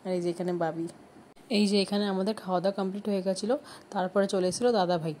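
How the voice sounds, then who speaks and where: A woman talks through her vlog footage in a chatty, explaining voice-over. Her pitch stays level and even throughout. A faint noise sits under the recording. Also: quick pace. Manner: chatty, explains family names and relations. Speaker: vlogger.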